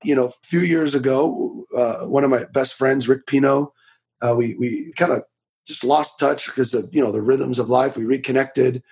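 This is a raspy-voiced preacher from Florida, around thirty-something, giving casual testimony on a podcast. He speaks fast and loudly at a medium pitch, frequently starting sentences over.

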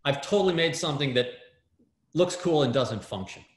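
A man, a guest in an interview, telling a story in an animated way with many fillers and restarts over a video call. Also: a little high, moderate pace. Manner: excitable, lots of fillers and restarts. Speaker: guest, startup hardware builder. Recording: roomy echo.

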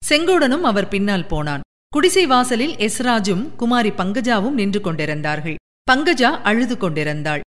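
A woman's voice: mid-range voice, big pitch swings, normal speed, in a large hall. A woman narrating a novel as an audiobook, telling it expressively and acting out the characters' lines.

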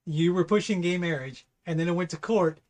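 Blunt fifty-year-old man, higher voice. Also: fairly quick, a little mellow. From California. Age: 50s. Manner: blunt and repetitive, hammering his points. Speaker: podcast co-host. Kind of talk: casual opinion chat.

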